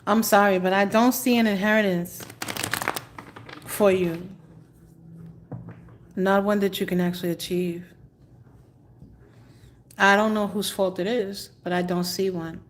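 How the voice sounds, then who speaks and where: A woman's voice: mid-range voice, steady tone, a little slow, pauses often, slight background noise. A woman tarot reader on a live stream, answering viewers bluntly but apologetically and repeating her advice.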